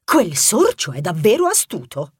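A woman's voice: lowish voice, wildly swooping pitch, normal speed, breathy edge, no room sound, clean studio sound, full character voice. A woman voicing a sassy, bold female mouse adventurer in an audiobook, teasing and bossy in a playful way. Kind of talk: audiobook character voice.

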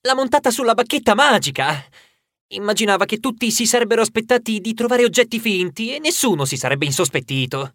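A performer doing a bright young male mouse, a puzzle and gem enthusiast, telling his story in an earnest, explaining way. Middle pitch, recorded close and dry like a storybook audiobook. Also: very animated, fairly quick, no echo. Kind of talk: audiobook character voice.

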